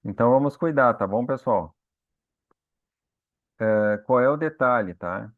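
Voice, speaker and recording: Unhurried and expressive, this medium-pitched Portuguese teacher walks students through a grammar lesson, patiently checking in again and again with "né?" and "tá?". It's a dry, phone-quality recording with no echo.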